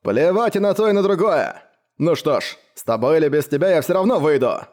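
A man voicing a brash, boastful biker who talks loudly and mockingly, with a raised, swaggering voice. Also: on the high side, lively intonation, a little fast, pitched above the performer's own voice, natural voice. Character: brash boastful male biker, loud and cocky.

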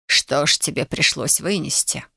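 A doting middle-aged mother, as the reader puts her on, lamenting slowly over her daughter. Her voice drags with worry in a storybook reading, dry and close. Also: mid-range voice, gravelly, sharp tone, breathy edge, dry recording, heavily acted. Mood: pitying. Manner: lamenting, slow.

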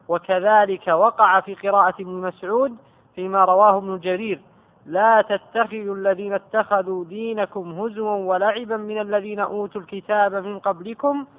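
A man with a fairly high voice reads a scholarly text aloud in a measured, careful way. The recording is narrow and tinny, like a phone line. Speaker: student reading a text aloud to a teacher.

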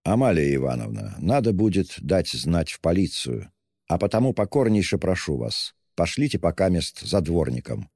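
A man's voice: deep voice, big pitch swings, moderate pace, a little mellow, slightly rough, clean studio sound, heavily acted. A man voicing a smug, pompous middle-aged official who speaks with cold, reproachful politeness. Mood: insinuating. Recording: long hall reverb.

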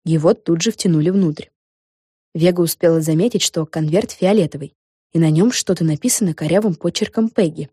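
Brief: woman reading a children's audiobook, mellow and lowish, dry close sound. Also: brisk, breathy edge, dry recording. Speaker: narrator.

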